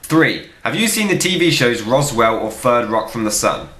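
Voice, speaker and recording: A young man runs a casual viewer Q&A vlog, talking bluntly and swearing freely. His voice has a bright, forward edge, and the room around him rings with echo. He speaks at a middling pitch into a camera mic. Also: sing-song, normal speed. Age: young adult. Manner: blunt, profane, joking. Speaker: film reviewer vlogger. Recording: echoey room.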